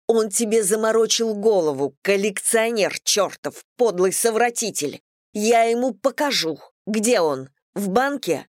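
A woman reading an audiobook, voicing a protective older sister who scolds in a sharp, worried way. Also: medium pitch, expressive, a little slow, no echo, studio quality, voice pushed up, close to an everyday voice. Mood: scolding.

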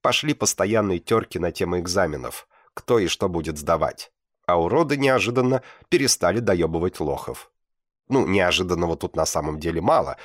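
A man's voice: low-pitched, animated, normal speed, dry recording, studio quality. A man reading a story in first person, blunt and full of swearing. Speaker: narrator. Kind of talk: audiobook reading.

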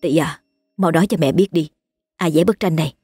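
A woman's voice: deep voice, fairly quick, warm tone, breathy edge, faint music behind. A woman reading a story and voicing a worried, protective mother who presses with questions. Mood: anxious.

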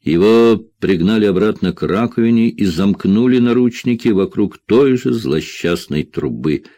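A man narrating a thriller audiobook in a steady, measured reading. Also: on the low side, no room sound.

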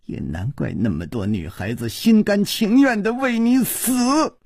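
A proud young woman of old tales, icy then sly, her lines dropped low and soft, sometimes sinking to a breathy whisper, as a man puts her on. the pace stays slow and measured, and the voice keeps a husky grain. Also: big pitch swings, dry recording, clean studio sound, full character voice. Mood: coy. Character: cold proud young woman, teasing and coy.

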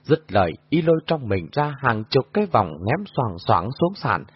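A man narrates a martial-arts novel with animated, dramatic storytelling. His husky, lively voice is on a dull, lo-fi recording with a dry sound. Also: mid-range voice, normal speed. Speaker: audiobook narrator. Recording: dull lo-fi audio.

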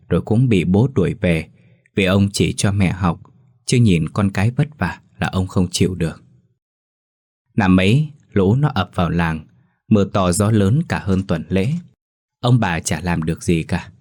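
A man narrating a ghost story in a steady, measured reading. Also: deep voice.

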